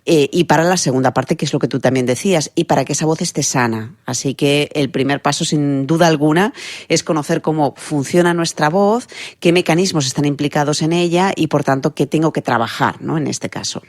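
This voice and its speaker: A woman voice expert from Spain, explaining her method in a lively, teacherly way during a remote interview. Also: deep voice, brisk, no room sound, clean studio sound. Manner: didactic, lively, builds explanations with analogies. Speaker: guest voice expert.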